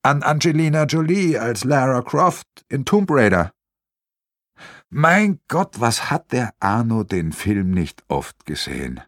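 Male narrator, crime audiobook, wry, varied pitch, dry booth. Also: slow, no room sound. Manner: lively, wry storytelling. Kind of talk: scripted crime novel narration.

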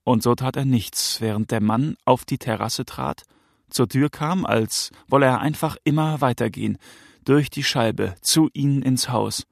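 A man reading a crime novel aloud in a measured, tense storytelling manner. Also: mid-range voice, vocal fry, dry recording, clean studio sound. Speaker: audiobook narrator. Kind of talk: audiobook narration of a crime novel.

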